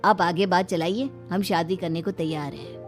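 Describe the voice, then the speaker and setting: A woman's voice: lowish voice, fairly even intonation, normal speed, soft background music, natural voice. A woman voicing a hearty village husband. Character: easygoing middle-aged village husband and father.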